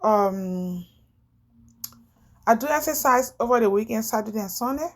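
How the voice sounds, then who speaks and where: A woman's voice: a little high, animated, normal speed. Chatty woman vlogger. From Liberia. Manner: chatty, rambling, repeats herself. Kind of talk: casual chat to camera.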